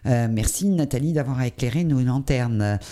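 A man hosts a cooking demonstration and explains each step as he goes. His voice is very dark and mellow, at a middle pitch, and he talks in a hesitant way, full of fillers. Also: normal speed. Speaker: cooking show host.

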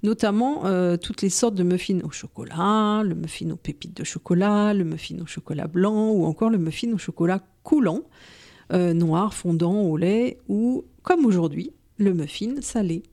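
A woman, a co-host on a cooking show, reading prepared notes aloud in a measured way. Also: lowish voice, dark tone.

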